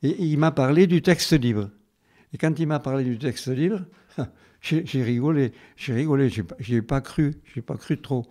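A man in his nineties with a southern French accent from Carmaux, a retired schoolteacher telling his memories in an interview, halting but emphatic. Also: medium pitch, darkish tone. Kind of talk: reminiscing interview.

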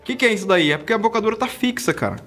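A man's voice: sits high, animated, racing, a bit bright, faint music behind. A man, teaching saxophone in a casual video lesson, chatty and constantly checking in with the viewer. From Brazil. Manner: chatty, checks in often with "tá?" and "cara".

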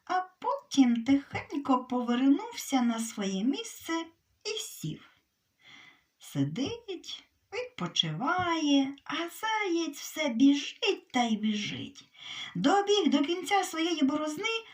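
A woman reading a children's fairy tale aloud in an expressive, unhurried storytelling manner. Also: high voice, distant mic.

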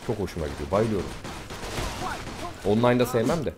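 A young man commenting casually on a game he plays, brash and excitable, swearing often. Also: fairly low pitch, fairly quick. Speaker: gaming YouTuber. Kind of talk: Let's Play commentary.

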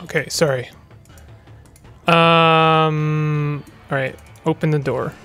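A man hosting a gaming channel, talking through his play in rambling, chatty commentary full of stumbling restarts. His voice sits somewhat high for a man, with faint game music underneath. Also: fairly even intonation, takes it slowly, bright, forceful tone, clean tone.

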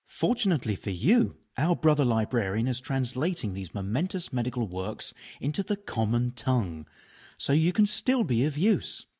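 A man's voice: mid-range voice, sing-song, moderate pace, warm tone, slightly rough. A male actor playing a learned medieval monk in a video game, speaking in a bookish, precise, dry manner. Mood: studious. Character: learned, matter-of-fact medieval monk physician. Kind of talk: video game dialogue acting.

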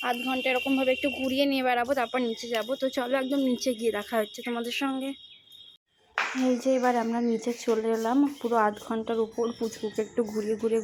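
A young woman, a mother of a baby, narrating her day at home for her vlog viewers in a quick, chatty way. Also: on the high side, darkish tone, slight background noise.

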